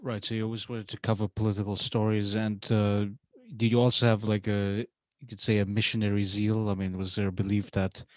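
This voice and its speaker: A man's voice: fairly low pitch, flat delivery, brisk, no echo. A man hosting a casual interview podcast, speaking hesitantly with many filler sounds between words. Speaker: podcast host. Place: university setting.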